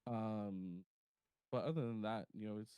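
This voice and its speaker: A man, a DJ guest, talking in a relaxed, hesitant way with many ums. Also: on the low side, measured pace, smooth, no echo. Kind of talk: casual chat.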